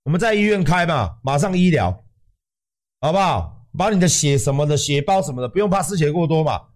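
A man with a Taiwanese Mandarin accent, hosting a livestream and ranting in a heated, profane and animated way. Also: fairly high pitch, fairly quick. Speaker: livestream host.

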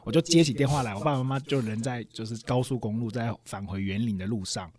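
A man co-hosting a casual talk show, spinning a personal story with animated retellings. His voice is husky and a little breathy. He talks at a brisk clip. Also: medium pitch. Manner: animated anecdote teller who acts out quoted voices. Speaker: podcast co-host.

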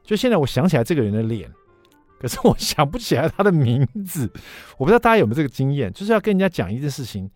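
A middle-aged man, a radio show host telling a funny story about himself in an animated way. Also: mid-range voice, dry recording. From Taiwan. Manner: animated, self-mocking anecdote telling. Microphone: studio microphone.

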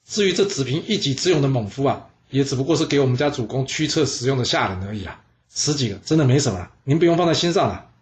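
A man voicing a shrewd ancient minister, coaxing and smoothly persuasive. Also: medium pitch, lively intonation, fast talker, slight background noise, lightly acted. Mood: reassuring. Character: shrewd, smooth-talking male chief minister. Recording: dull lo-fi sound.

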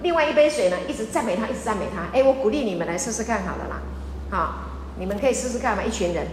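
A woman pastor giving a lively sermon, repeating her points emphatically and often asking the congregation questions. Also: medium pitch, racing. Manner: repetitive, emphatic preaching with audience questions. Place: church sanctuary. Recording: echoey church hall with faint noise.

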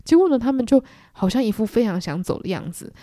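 A young woman with a Taiwanese Mandarin accent, hosting a solo book-club podcast and retelling a story in a chatty way, often putting on animated voices. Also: on the high side, fast talker, dry recording, clean studio sound. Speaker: podcast host.

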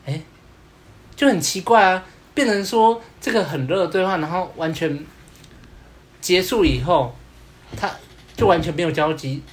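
A man's voice: high-pitched, normal speed, pauses often. A man co-hosting a podcast in casual chat, rambling and often repeating himself. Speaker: podcast co-host.

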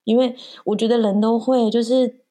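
A woman's voice: on the high side, fairly even intonation, normal speed, dark tone. A woman from Taiwan, a mother and podcast guest, telling a family story in casual chat and acting out the voices of her child and herself.

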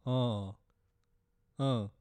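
A man, co-hosting a casual podcast chat with quick, teasing comebacks. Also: medium pitch, a little mellow, clean tone. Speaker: podcast co-host.

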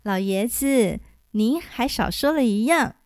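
A woman's voice: a little high, expressive, unhurried, darkish tone, no room sound, clean studio sound. A woman voicing a clever, playful teenage girl cook who teases and coaxes as she gives hints. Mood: teasing. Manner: teasing, coaxing.

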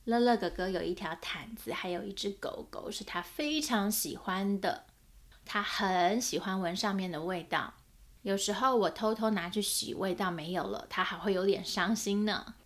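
一位女性为孩子们朗读绘本，讲得温和缓慢。. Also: female voice, mid-range voice. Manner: slow, gentle storytelling. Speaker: storyteller for children. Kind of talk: picture-book reading.

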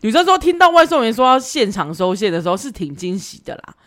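Animated woman podcaster. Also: a little high, fast talker. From Taiwan. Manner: animated, laughs often while retelling. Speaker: podcast host. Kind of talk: casual storytelling.

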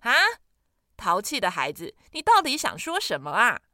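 A woman's voice: wildly swooping pitch, moderate pace, sharp tone, dry recording, studio quality. A woman voicing a fretful mother who scolds her younger son in a storybook reading. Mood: scolding. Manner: scolding, then high-pitched wailing. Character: fussy, fretful mother of two sons.

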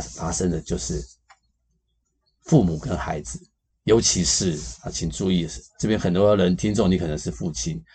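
A man's voice: low-pitched, breathy edge. A man, hosting a psychology podcast and explaining with everyday examples. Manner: animated, gives everyday examples, many fillers.

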